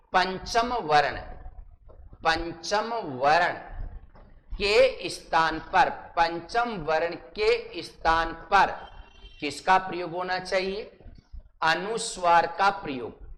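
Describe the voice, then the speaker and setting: A male teacher from Rajasthan leading a live coaching class. He drills his students with repeated questions and spells out sounds slowly, one syllable at a time. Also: high voice, fairly bright tone. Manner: exaggerated slow syllable-by-syllable pronunciation. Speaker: Hindi teacher.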